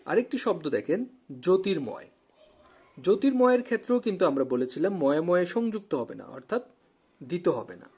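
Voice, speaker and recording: A man with a slightly raised, husky voice teaches a spelling lesson. He reads out word lists at a slow, deliberate pace, repeating words for emphasis, his pitch rising and falling freely. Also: big pitch swings, darkish tone.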